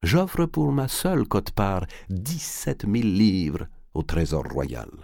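A man voicing a cold, calculating merchant who speaks in a cool, deliberate, cutting way. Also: sits low, sing-song, creaky, a little mellow, dry recording, studio quality, exaggerated voice. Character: cold calculating middle-aged male merchant.

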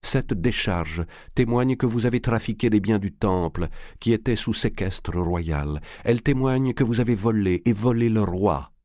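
A man voicing a cold, calculating merchant who speaks in a cool, deliberate, cutting way. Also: lowish voice, a little mellow, no room sound, studio quality, voice pushed up, natural voice. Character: cold calculating middle-aged male merchant.

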